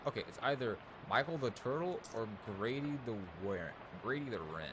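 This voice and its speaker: A young man plays a game and reads its text aloud in a brisk, animated, mid-range voice, adding casual commentary, swearing, and surprised asides in let's-play style. There's noticeable background noise in the recording.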